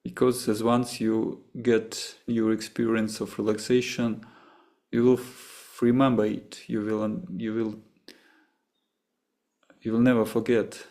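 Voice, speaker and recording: Slow, gravelly Russian-accented man. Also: lowish voice, little pitch movement, warm tone. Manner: halting, searching for words, many restarts. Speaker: meditation teacher. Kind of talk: answering questions after a meditation session.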